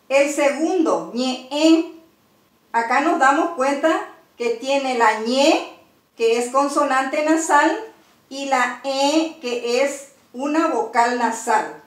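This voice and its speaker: A woman teaches in a high voice, unhurried and deliberate, pausing to spell out each word. She sits back from the mic, and the room around her rings with a roomy echo. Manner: slow, deliberate, spelling out words. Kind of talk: Guarani grammar lesson. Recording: roomy, from a distance.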